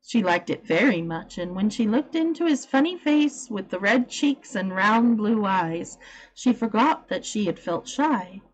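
A woman reading a classic novel aloud at an unhurried pace. Her pitch moves widely, giving the narration an expressive, lively lilt. Her voice sits in a middle register. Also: low-quality recording. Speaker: reader and channel host.

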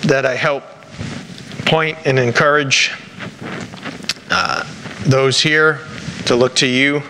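A middle-aged pastor with a Rhode Island accent preaches and reads scripture in a halting, deliberate way, a man at a church pulpit. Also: mid-range voice, steady tone. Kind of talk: sermon with scripture reading. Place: large church sanctuary, at a pulpit. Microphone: lapel mic. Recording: echoey church hall with background noise.

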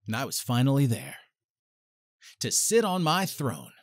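Hammy, dramatic man with swooping pitch. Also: sing-song, no echo, clean studio sound. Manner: theatrical, with big swings and drawn-out phrases. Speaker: voice-over performer. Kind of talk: hammy dramatic reading of rap lyrics. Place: small home studio with foam-treated walls. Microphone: close studio microphone.

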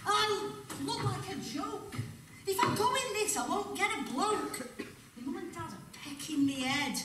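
A woman's voice: very high voice, expressive, a little slow. A British woman playing a stroppy, whiny teenage princess in an amateur stage pantomime. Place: theatre stage, far camera. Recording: distant, very echoey, noisy stage recording.

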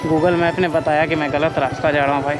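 A man's voice: on the high side, flat delivery, brisk, loud music behind the voice. A young man from West Bengal, India, riding a motorbike outdoors and narrating a casual moto vlog in a chatty way, calling his viewers guys and brother. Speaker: motovlogger.

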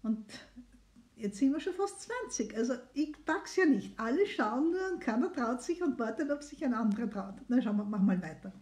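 A woman's voice: a little high, animated, fairly quick, a little mellow. A middle-aged woman doctor, hosting a live phone consultation stream in a chatty, encouraging way. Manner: chatty and encouraging, inviting viewers to call. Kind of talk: casual live stream talk.

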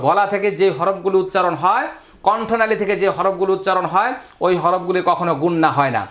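A man teaching Quran reading, spelling out syllables one by one and then drawing whole words out slowly. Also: high voice, fairly bright tone. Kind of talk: slow letter-by-letter spelling lesson.

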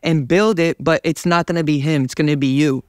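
A man's voice: a little high, steady tone, a little fast, a little mellow, no echo. A young man speaking as an evangelist in an interview, fervent and preacher-like, in a dry studio. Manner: fervent, preacher-like, gestures while talking. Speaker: evangelist guest. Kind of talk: interview about faith. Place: dark studio set, seated.

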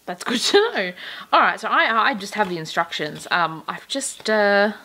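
Bright, giggly woman reviewing toys. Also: medium pitch, lively intonation, normal speed. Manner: giggly, explains instructions step by step. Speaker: toy review co-host. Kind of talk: casual unboxing chat.

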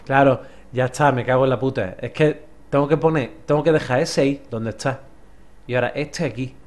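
A young man with a Spanish-from-Spain accent commentates a puzzle game as a let's play, speaking at medium pitch and a little fast. He mutters to himself, swears a lot, and now and then yells out in frustration.

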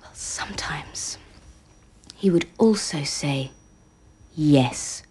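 A wry, husky ex-analysand. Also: female voice, low-pitched, extremely slow, a little mellow, in a whisper, full character voice. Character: wry woman who was once in analysis. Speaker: woman recalling her analysis. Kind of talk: film dialogue.

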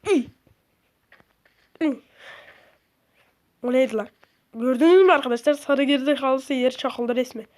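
A young woman with a high-pitched voice talks through a video game in casual commentary. She gets excitable, swears at the game and shrieks when things go wrong. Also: normal speed, long pauses. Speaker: gaming streamer.

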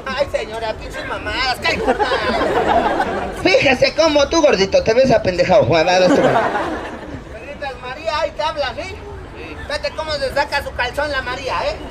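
A man's voice: very high-pitched, animated, normal speed. A man with a Mexican Spanish accent performing street comedy, teasing and roasting the crowd with crude slang. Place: outdoors in a city plaza. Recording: loud crowd noise outdoors. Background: large crowd laughing.

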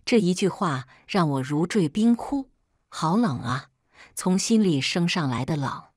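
A woman narrating a first-person drama story in a steady, emotive scripted read. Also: fairly low pitch, a little slow, husky, dry recording, clean studio sound.

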